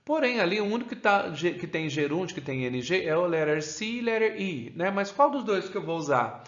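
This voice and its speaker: A man with a Brazilian Portuguese accent teaches an English grammar lesson, keeps adding "né?" and says the English examples slowly. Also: high-pitched, big pitch swings, fairly bright tone. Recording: roomy, dull lo-fi sound.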